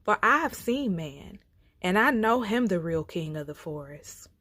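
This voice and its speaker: Scrawny fearless rabbit for a folk tale female reader, plain-spoken and shrewd, lively inflection. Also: mid-range voice, unhurried, no room sound. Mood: frank warning. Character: scrawny, bold, savvy male rabbit.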